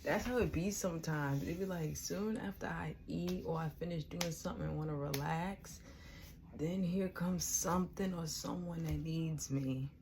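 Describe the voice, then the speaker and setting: A woman's voice: low-pitched, moderate pace, noisy background. An American woman chatting casually and colloquially to viewers between bites as she eats for a mukbang. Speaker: mukbang host. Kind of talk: casual mukbang chitchat while eating.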